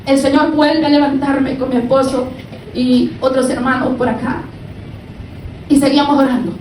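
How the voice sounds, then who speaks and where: A woman giving an emotional religious testimony to a congregation, her voice climbing high and tearful as she recounts her cries. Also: level tone, normal speed, roomy sound, recorded from a distance, noisy background. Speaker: testimony speaker.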